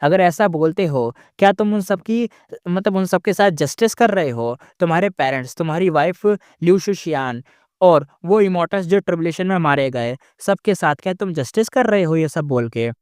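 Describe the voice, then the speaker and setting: A man's voice: high voice, animated, normal speed, a little mellow, smooth, no echo, clean studio sound. A man voicing a stern, angry male master immortal who scolds harshly and gives orders. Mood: angry scolding.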